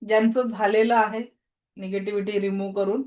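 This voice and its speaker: A woman teaching an online reiki class, giving calm, repetitive guided-healing commands over a video call. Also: medium pitch, brisk.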